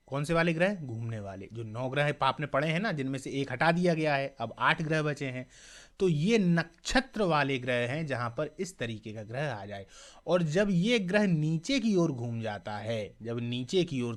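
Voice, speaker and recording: A man teaching a mock exam class, reading each question and its options aloud, repeating them, asking viewers for the answer and often checking "clear?". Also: a little high. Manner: checks understanding with a frequent "clear?"; addresses viewers as friends.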